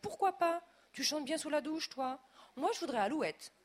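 A woman's voice: mid-range voice, wildly swooping pitch, moderate pace, husky, exaggerated voice. A woman voicing a pompous, haughty headmaster's wife who shrieks when upset. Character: shrill pompous middle-aged headmaster's wife.

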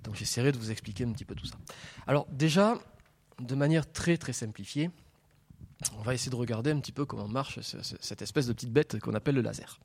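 A man's voice: medium pitch, fast talker, gravelly, darkish tone, slightly rough. A man with a southern French accent from Toulouse, a laser researcher giving a public science lecture to an audience into a wired microphone, joking and explaining with everyday images.

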